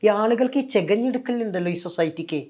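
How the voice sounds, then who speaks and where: With a mid-range voice that runs a little fast, this older Malayalam-accented woman from Kerala, India, relates her past as a former nun. It's conversational interview storytelling: lively, full of acted-out quotes and frequent fillers.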